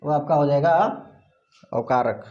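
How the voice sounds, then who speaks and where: A man's voice: fairly high pitch, a little slow, a little mellow, dull audio. A male teacher giving a classroom chemistry lesson, putting questions to the class and answering them himself, repeating the key terms.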